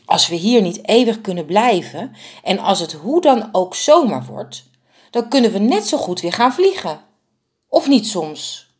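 A woman's voice: mid-range voice, very animated, measured pace, darkish tone, voice pushed up. A woman voicing a tiny, thoughtful female bird in a storybook, speaking solemnly and earnestly.

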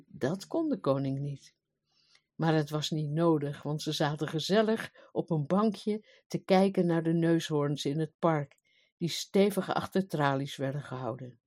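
A woman reading a fairy tale aloud in a calm, even storytelling manner. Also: sits low.

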